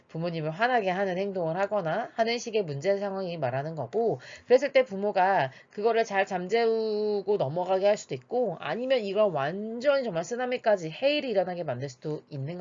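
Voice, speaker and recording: A woman explaining an English exam passage step by step, patient and methodical, often pausing on "uh". Her voice sits at an ordinary middle pitch. The recording is slightly dull and lo-fi. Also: a little mellow. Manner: patient, methodical, frequent "uh" fillers. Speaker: English teacher.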